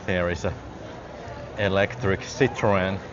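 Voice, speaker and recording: Holding his phone as he walks through a city parade, a man with a Finnish accent chats informally with his stream's viewers, often laughing softly. He speaks slowly in a deep, steady voice, and the busy street makes the dull audio noisy.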